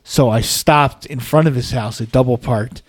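This podcast co-host is a man with a husky, medium-pitched voice who talks at a normal speed. He chats casually and spins long stories that poke fun at himself, recorded dry on a podcast mic in a studio.

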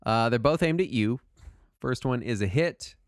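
A man's voice: medium pitch, normal speed, no echo, clean studio sound. A man narrating a tabletop game as game master, often laughing and joking with a player. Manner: laughing, playful, lively.

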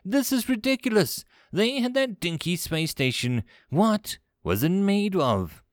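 A man acts out an imperious alien fleet commander in a sci-fi audio story, sounding pompous, snarling and easily exasperated as he snaps at others. His very animated pitch leaps far above normal speech in big swings. The recording is close and dry.

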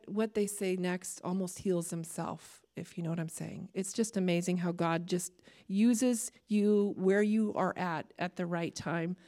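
A middle-aged woman from Canada with a Canadian accent, a chaplain giving a sermon in a conversational way with warm asides and light laughter. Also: lowish voice. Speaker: chaplain and preacher.

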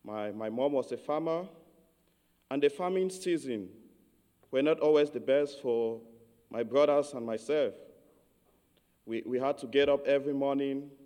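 A man from Cameroon giving a measured, earnest homily as a priest. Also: medium pitch, warm tone, big-room sound.

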